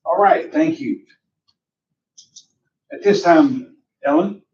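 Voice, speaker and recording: A man's voice: a little high, slow, a little mellow, muffled recording. A man acting as mayor and chairing a formal meeting. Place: echoey municipal meeting room. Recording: echoey room, distant mic, clear background noise.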